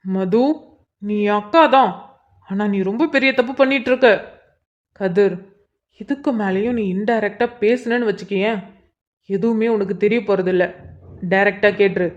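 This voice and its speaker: A woman's voice: mid-range voice, moderate pace, long pauses, a little mellow, close to an everyday voice. A woman voicing a curious, probing young man in a storybook cartoon, often thinking aloud. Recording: dull lo-fi sound.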